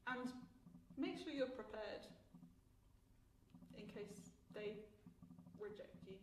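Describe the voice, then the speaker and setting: A woman co-hosting a casual video chat, telling a story in a chatty, lively way and laughing often. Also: mid-range voice, slow, echoey room, recorded from a distance, noisy background. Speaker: co-host of a couple's channel.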